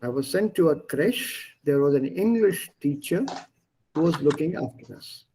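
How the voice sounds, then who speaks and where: Teaching German in English on a video call, an Indian-accented native Gujarati speaker explains things patiently and slows to stress key words. He has a fairly high, expressive voice with a dark tone. The audio is poor, with a little hiss or hum.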